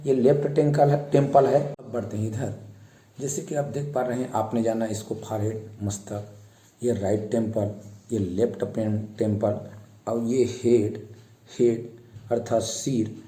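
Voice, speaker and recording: Echoey, dark-voiced male English teacher. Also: medium pitch. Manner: repeats each word slowly, pointing out face parts. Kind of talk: slow explanatory lesson for children.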